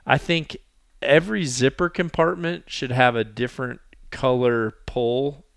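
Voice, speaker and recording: Gravelly man in casual chat. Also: medium pitch, steady tone, a little slow, no echo, studio quality. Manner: rambling, self-deprecating, many fillers.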